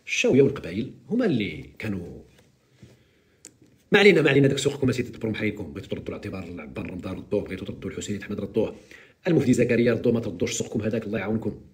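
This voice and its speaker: A man with a Moroccan accent hosting a live stream, giving sarcastic, mocking political commentary in an animated way. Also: lowish voice.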